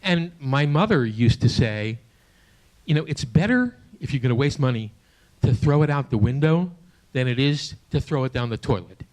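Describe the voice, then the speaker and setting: A man in his late sixties, voice mid-range, expressive and slightly dark, performs a stand-up set to a live crowd in a small theater. He jokes at his own expense in a halting way, often restarting, while the audience laughs behind him.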